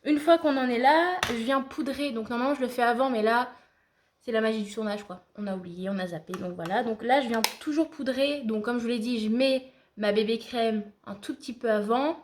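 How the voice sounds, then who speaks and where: Woman vlogger walking viewers through a makeup look; easygoing, chatty, a little halting, voice on the higher side. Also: slight background noise. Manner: chatty, talks to viewers like friends; hesitant, frequent fillers. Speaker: beauty vlogger. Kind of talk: casual makeup tutorial.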